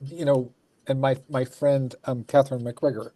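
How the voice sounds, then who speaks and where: A man's voice: mid-range voice, little pitch movement, moderate pace, mellow, no echo, rough recording. A man hosting a casual chat, effusive and rambling, often repeating his phrases. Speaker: show host.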